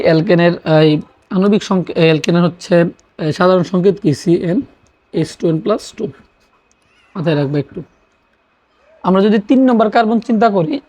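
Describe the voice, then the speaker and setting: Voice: medium pitch, mellow. A teacher from Bangladesh gives a classroom lecture, repeating key terms and posing questions that they answer themselves. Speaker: chemistry teacher. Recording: dull lo-fi recording.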